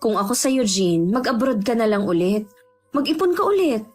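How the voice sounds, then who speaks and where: A woman's voice: a little high, big pitch swings, normal speed, a little mellow, faint music behind. An actress playing a greedy elder sister who keeps evasively denying she took anything. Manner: evasive, sulky denials.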